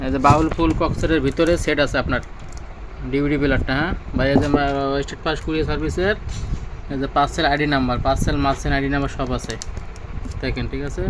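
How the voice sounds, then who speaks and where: This electronics seller, a man with a Bangladeshi accent who owns the shop, talks fast in a fairly high, steady voice. He demonstrates a music player casually and hands-on, going over the same points repeatedly while the player's music and other background noise fill the recording.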